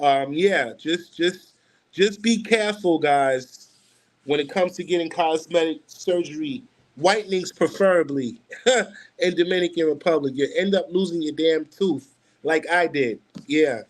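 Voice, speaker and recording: A man in his forties hosting a casual livestream, rambling with many fillers and restarts. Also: fairly high pitch. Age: 40s. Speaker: livestream host.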